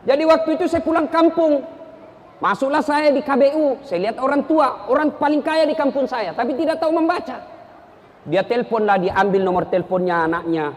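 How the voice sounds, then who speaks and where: A man's voice: very high-pitched, brisk. A man preaching a humorous sermon, telling stories and acting out the people in them. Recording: long hall reverb.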